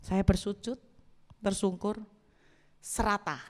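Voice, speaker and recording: A woman pastor, preaching a sermon as an animated story with acted-out dialogue. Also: slow pace. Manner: animated storytelling, acts out dialogue, laughs, bursts into high exclamations. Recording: long hall reverb.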